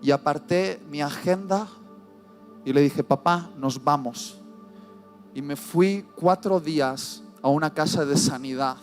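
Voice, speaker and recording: A man preaching an emotional sermon, telling a personal story with heartfelt pauses and repeated lines. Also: a little high, soft background music. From Spain.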